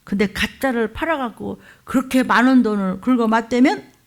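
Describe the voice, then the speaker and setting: Woman preacher going off in a sermon, a bit high-pitched, scolding, lots of sharp questions. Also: normal speed. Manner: fiery, scolding, full of rhetorical questions. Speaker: pastor.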